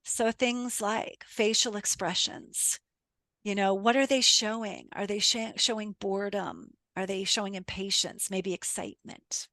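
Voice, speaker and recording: A middle-aged woman coach talks at an unhurried pace, her voice carrying some fry. She poses reflective questions to listeners and recounts stories from coaching sessions, recorded close and dry. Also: medium pitch, steady tone, pushed and bright, no echo. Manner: reflective, rhetorical questions, retells client stories. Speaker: communication coach. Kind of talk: podcast talk with listeners.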